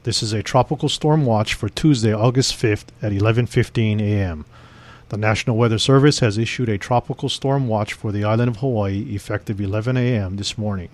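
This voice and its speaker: Man, somewhat low pitch, civil defense announcer, formal measured read, official emergency bulletin. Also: darkish tone. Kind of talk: read emergency broadcast message.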